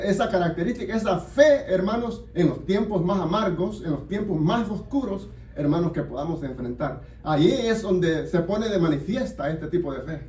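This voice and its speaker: Man giving a sermon in a church hall, kinda high mellow voice, far from the mic with lots of echo. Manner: measured, repeated address to the congregation. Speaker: pastor.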